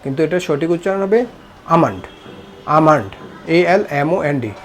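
A man's voice: fairly high pitch, racing, darkish tone. A man with a Bangladeshi Bengali accent teaching English pronunciation, spelling each word letter by letter and repeating it to quiz the viewer. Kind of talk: spoken language lesson.

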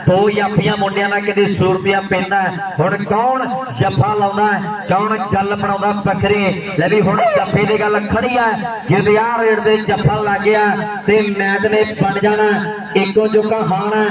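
A man's voice: high-pitched, flat delivery, normal speed. A man delivering frantic rural sports commentary in repeated, chanted phrases. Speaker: kabaddi commentator. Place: outdoor village tournament ground. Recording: distant echoey PA, dull, crowd behind.

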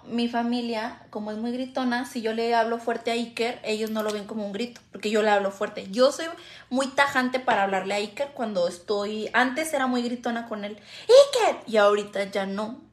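A young woman with a Mexican accent, a mother and vlogger, chatting casually and frankly with her viewers, using slang and swearing freely. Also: fairly high pitch. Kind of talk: casual livestream chat. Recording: echoey room, faint background noise.

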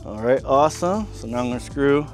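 A fitness coach in his thirties builds gym gear in a casual DIY woodworking tutorial on a covered outdoor porch workshop. His medium-pitched voice is animated and brisk, with faint music behind, and he keeps calling viewers "guys" and "man" in an upbeat, chatty way.

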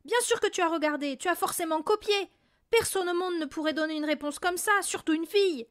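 Brief: woman doing a bragging, hot-tempered father, loud and raised in pitch, dry close sound. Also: normal speed, no echo, lightly acted. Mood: angry. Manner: bragging, then barking and shouting. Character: boastful blustering middle-aged father, quick-tempered.

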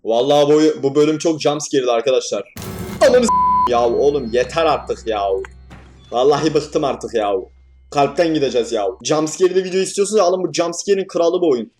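A man's voice: on the high side, lively intonation, fairly quick, soft background music. A young man commentating a horror game as he plays, swearing and yelping at scares, then laughing them off. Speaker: gaming YouTuber.

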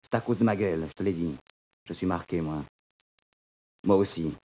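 A man's voice: sits low, normal speed. An actor playing a bitter, taunting young male prisoner in a 1940s radio drama, sneering and accusing. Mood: scornful. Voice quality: husky, gravelly. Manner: sneering, accusing, swings to shouting.

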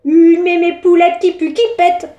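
A woman's voice: extremely high pitch, level tone, a little slow, mellow, voice pushed up. A woman doing a cheeky little boy. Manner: polite and mischievous, then talks back. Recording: echoey room.

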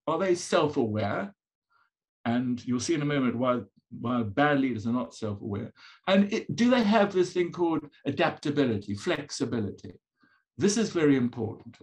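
Emphatic man lecturing in a colonial accent. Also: a little high. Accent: colonial, from an upbringing in Africa. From Africa. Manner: emphatic, repeats points in short phrases. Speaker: psychologist lecturing at a conference. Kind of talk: conversational lecture with rhetorical questions. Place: indoors, video call presentation with slides.

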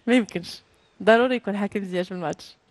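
A woman's voice: medium pitch, wildly swooping pitch, fast talker. A woman with a Moroccan accent, a guest on a talk show, talking animatedly, laughing often and mixing in French. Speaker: guest, actress. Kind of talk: casual interview.

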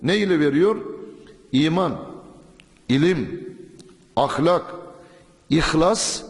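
Man preaching at a pulpit microphone. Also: a little high. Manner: measured, emphatic, recites Arabic verses. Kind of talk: sermon. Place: mosque pulpit. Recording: long hall reverb.

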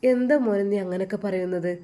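A woman's voice: mid-range voice, quick pace, warm tone, close to an everyday voice. A woman voicing a worried, loving old mother who speaks tenderly and anxiously in a storybook tale.

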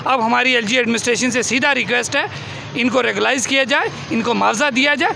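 At an outdoor protest tent beside a busy road, a young male spokesman pleads passionately with a reporter, repeating himself for emphasis as a crowd and traffic surround him. His voice is extremely high, brisk and sharp, with vocal fry.

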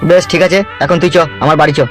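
Man voicing a peacemaking cartoon uncle, high-ish voice, quick lecturing talk. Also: steady tone, faint music behind, lightly acted. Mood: coaxing. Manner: coaxing, lecturing. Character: older uncle, calm peacemaking village elder. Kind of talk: cartoon comedy voice acting.

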